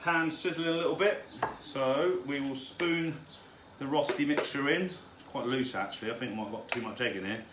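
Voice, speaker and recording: Broadcasting a live cook-along from home, a cooking host keeps up loose chatter with viewers and swears freely. He has a mid-range voice at normal speed, and the roomy kitchen adds background noise.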